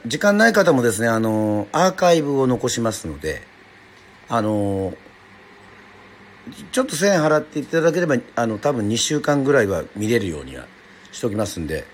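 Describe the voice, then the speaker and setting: A man's voice: on the low side, slight background noise. A middle-aged man from Yoron Island hosting a casual live radio stream, chatting, joking at himself and answering listener comments. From Yoron Island, Japan. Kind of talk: casual livestream chat.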